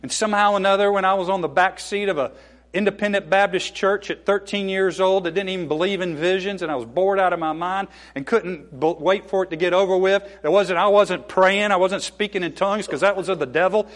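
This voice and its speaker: Fifties guy preaching, kinda high voice, folksy and earnest, cracks little jokes. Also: fairly even intonation, a little fast, fairly bright tone. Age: 50s. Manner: earnest, folksy, joking asides. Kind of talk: sermon and closing prayer.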